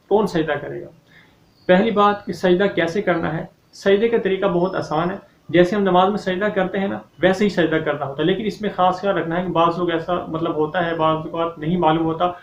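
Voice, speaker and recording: Male recitation teacher, higher pitch, patient and methodical, keeps asking "okay?", slightly dull lo-fi sound. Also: slight background noise. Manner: explains patiently, then recites verses slowly and louder; checks in often with a questioning "okay?". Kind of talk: tajweed lesson. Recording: echoey, slightly dull recording.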